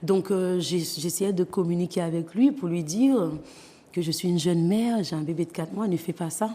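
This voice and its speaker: In a fairly low, mellow voice at normal speed, a Haitian woman in her thirties speaks as a guest author in an interview testimony, earnest and hesitating often, with a Haitian accent. A long reverb tail follows her speech.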